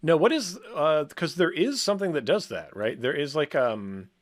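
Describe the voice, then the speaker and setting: A man's voice: a little high, expressive, moderate pace. Chuckling man thinking aloud. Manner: rambling, chuckles often, many ums. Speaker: co-host working in software. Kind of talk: casual think-aloud while working.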